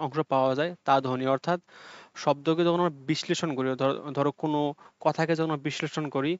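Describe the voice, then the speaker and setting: A young man teaching an exam-prep lesson at a quick clip, his voice sitting a little high. He explains each point step by step and repeats the key facts to make sure his students follow. The audio is dry and close, with a dull, lo-fi sound. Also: clean tone, dry recording.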